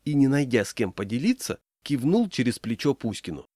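A man narrating a story aloud in an expressive audiobook reading. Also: mid-range voice, fairly quick, no room sound. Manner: lively storytelling, voicing characters.

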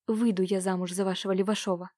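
A woman's voice: medium pitch, little pitch movement, fast, warm tone, no room sound, studio quality, lightly acted. A woman reading a defiant young noble girl. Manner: defiant, pleading. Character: stubborn, desperate 18-year-old noble girl.

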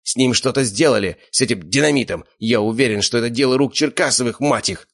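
A man voicing a fat, enraged dog-fight owner who yells insults. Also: medium pitch, quick pace, pitched above the performer's own voice, lightly acted. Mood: furious. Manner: yelling, spitting insults.

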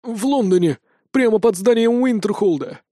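A man's voice: sits high, moderate pace, mellow, no room sound, studio quality, voice pushed up. A man voicing a frightened male villain, a lord of beetles, who pleads and begs in an audiobook. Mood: cowed. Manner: pleading, panicky. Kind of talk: audiobook character voice.

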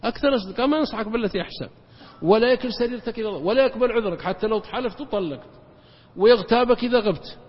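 Rapid high-voiced preacher in an echoing hall. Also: male voice, breathy edge. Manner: emphatic, rapid, jumps in pitch for emphasis. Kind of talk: religious lecture storytelling. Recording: dull lo-fi recording with long hall reverb.

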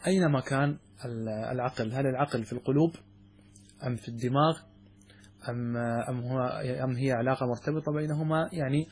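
Middle-aged male sheikh, husky tone, lecturing on a classical text, asks and answers his own questions. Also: mid-range voice, quick pace, pauses often, darkish tone. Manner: asks the students questions and answers them himself, repeats key words. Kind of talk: classroom lesson explaining verses.

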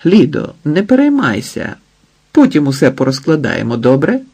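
A man reading the coaxing, measured lines of a fussy, controlling man. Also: on the high side, sing-song, creaky, mellow, husky, heavily acted.

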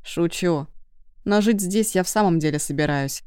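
Lady voicing a snarky student guy, low dark voice, dry close sound. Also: normal speed, clear, resonant tone, no room sound, lightly acted. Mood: sarcastic. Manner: sarcastic, irritable. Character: young man, sarcastic university student.

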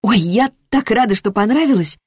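A woman voicing a bubbly, happy young woman who chirps and gushes with excitement. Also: a little high, normal speed, dry recording, clean studio sound, pitched above the performer's own voice. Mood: chirping. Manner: chirpy, gushing.

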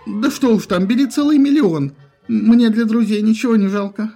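A man's voice: high-pitched, moderate pace, warm tone, breathy edge, soft background music, pitched above the performer's own voice. A man reading aloud, voicing a crooked male official who whines and pleads in a panicky, wheedling way. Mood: pleading.

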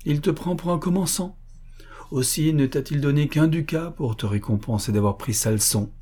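A man voicing a worldly, shrewd orchestra conductor who explains things in a knowing, amused way, in a husky voice. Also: on the high side, moderate pace, warm tone, voice pushed up.

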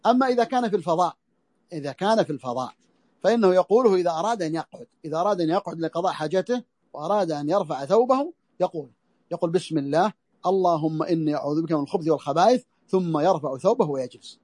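Male religious teacher, quick delivery, dry recording, repeats key phrases. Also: high voice, a little mellow, no echo. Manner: repeats phrases slowly for emphasis. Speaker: Islamic scholar teaching a text. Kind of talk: religious lesson. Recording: audio lesson over the internet.

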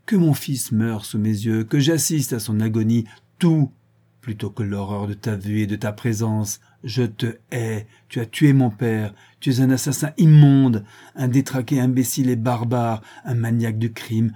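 A man voicing a defiant mother in an audiobook reading, crying out her hatred at a raised pitch. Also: fairly even intonation, a little slow, warm tone, lightly acted. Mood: furious. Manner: cries out defiantly.

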